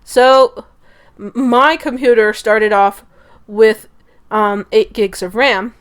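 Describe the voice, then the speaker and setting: A woman's voice: fairly high pitch, fairly even intonation, takes it slowly, clean tone. Chatty young woman explaining PC specs. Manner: chatty, self-correcting, often trails off. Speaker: gaming YouTuber. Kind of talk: casual tutorial voice-over. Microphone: desktop USB mic.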